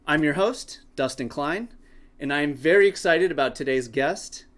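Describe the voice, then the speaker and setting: A man's voice: a little high, lively intonation, moderate pace, fairly bright tone. A man from the United States hosting a podcast, asking rambling, eager questions in a casual interview. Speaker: podcast host.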